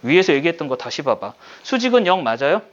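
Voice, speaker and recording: A male teacher giving a recorded lesson, talking the class through a problem step by step and checking in with many quick questions. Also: a little high, big pitch swings, dull audio. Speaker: high school Korean teacher.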